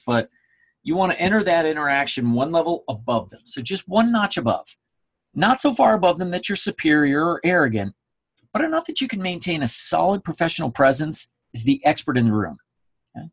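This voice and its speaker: Husky man coaching with emphatic check-ins. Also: on the high side. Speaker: sales trainer. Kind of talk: recorded training presentation.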